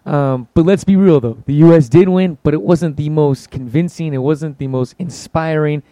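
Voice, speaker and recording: A man hosts a sports podcast with a hoarse, used-up voice. The tone is soft-edged rather than sharp and sits slightly high for a man. He chats in a casual, joking way, recorded close and dry. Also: moderate pace, no room sound. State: hoarse, voice lost from yelling. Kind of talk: casual podcast banter and show hosting.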